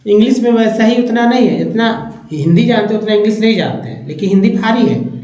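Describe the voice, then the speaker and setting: Man from India teaching English vocabulary, repeats words slowly, mellow voice, echoey lo-fi room. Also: high-pitched, expressive. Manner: repeats words slowly while writing on a board. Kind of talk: casual spoken lesson. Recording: echoey room, dull lo-fi sound.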